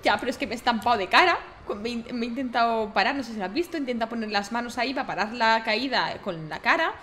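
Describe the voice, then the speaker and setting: A woman streamer with a Castilian accent chats in character in an online game. Her voice is fairly high and bright, her manner blunt and sweary, with music faintly behind. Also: lively intonation, very fast. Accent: Spain. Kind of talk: improvised game role-play, casual chat.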